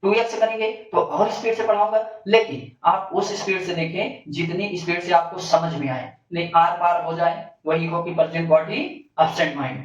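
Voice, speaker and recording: A male physics teacher giving a classroom lecture. He asks the class questions and answers them himself in a lower voice. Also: steady tone, moderate pace. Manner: addresses students as bhaiya and bachche. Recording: distant, echoey, dull classroom recording.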